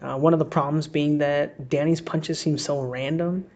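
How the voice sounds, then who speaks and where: A man's voice: a little high, fairly even intonation, moderate pace, a little mellow, highs cut off. A man giving a casual, think-aloud breakdown of boxing footage, reacting to each replay as he scores the round. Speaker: boxing analyst. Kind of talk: casual fight breakdown commentary.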